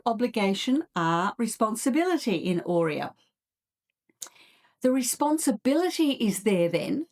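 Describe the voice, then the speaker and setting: A middle-aged woman with an Australian accent, a couples coach hosting a solo podcast, explaining her ideas in a measured, steady way. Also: on the high side. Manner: measured, explanatory, with occasional soft laughs and fillers.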